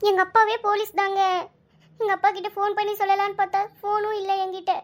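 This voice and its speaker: A woman's voice: extremely high pitch, completely flat delivery, quick pace. Woman voicing a wailing cartoon young woman. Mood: tearful. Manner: wailing and pleading. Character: young woman, a policeman's daughter, tearful.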